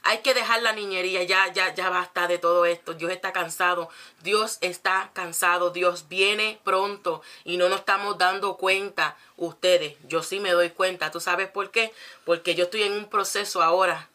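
A woman's voice: fairly low pitch, steady tone, normal speed, sharp tone. A woman preacher, preaching fervently with rhetorical questions and repeated phrases. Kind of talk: preaching to a congregation.

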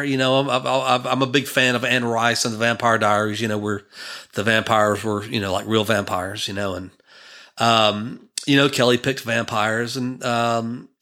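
A man's voice: mid-range voice, pushed and bright. A man in his fifties, a church minister, telling a personal story in a rambling, conversational way. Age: 50s.

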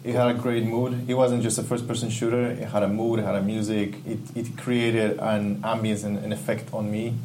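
Low-voiced man. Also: fairly quick, hardly any pauses, low-quality recording. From Ecuador. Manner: enthusiastic, reflective, searching for words. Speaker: guest, game UI/UX artist. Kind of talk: casual interview chat. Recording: steady background hum.

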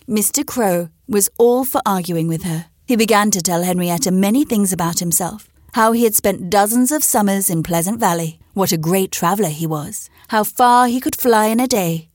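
Expressive woman storyteller, dry close sound. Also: medium pitch, normal speed, hardly any pauses, no echo. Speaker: podcast storyteller. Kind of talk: storybook narration.

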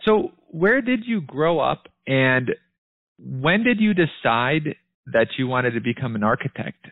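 A man hosting a podcast and asking interview questions in a relaxed, somewhat hesitant way. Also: mid-range voice, a little slow. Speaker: podcast host. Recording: dry, phone-like line.

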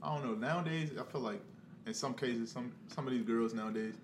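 A man's voice: mid-range voice, quick pace. A young adult man co-hosting a casual podcast chat, blunt and joking. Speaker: podcast co-host. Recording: echoey room with faint noise.

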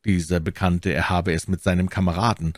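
A man narrating a classic adventure novel as an audiobook, in a measured, dramatic way. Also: low-pitched, level tone, dry recording, clean studio sound.

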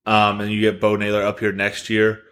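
A man's voice: lowish voice, monotone, fairly quick, fairly bright tone. A man co-hosting a podcast, giving thoughtful, detailed explanations in casual sports chat. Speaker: podcast co-host.

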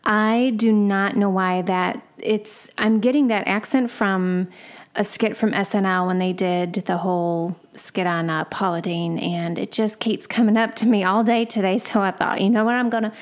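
Woman host, loose rambling solo talk, easy laughs, mid-pitched everyday voice. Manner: rambling, chatty, laughs easily, self-deprecating. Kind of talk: casual solo chat.

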